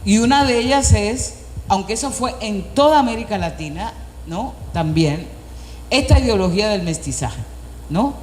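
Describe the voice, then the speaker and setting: A woman from the Republic, speaking on an academic panel in a measured, explanatory way and posing questions she then answers herself. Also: medium pitch, lively intonation, darkish tone. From Dominican Republic. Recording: echoey hall with faint background noise.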